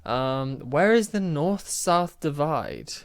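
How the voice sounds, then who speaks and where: A man's voice: fairly high pitch, sing-song, slow, clean tone. A young man, casually chatting on his own through a quiz, self-mocking and often laughing. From United Kingdom. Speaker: podcast host. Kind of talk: casual solo chat answering a quiz.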